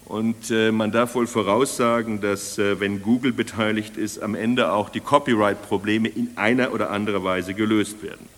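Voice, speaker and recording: An older man giving an academic lecture, speaking deliberately and repeating key phrases as he restates them. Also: on the low side, fairly even intonation. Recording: long lecture-hall reverb.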